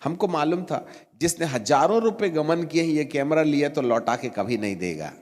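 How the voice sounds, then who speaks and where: A middle-aged man preaching a storytelling sermon, animated and acting out the voices in his story, rising to emphatic peaks. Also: on the high side, moderate pace. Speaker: bishop preaching. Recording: long hall reverb.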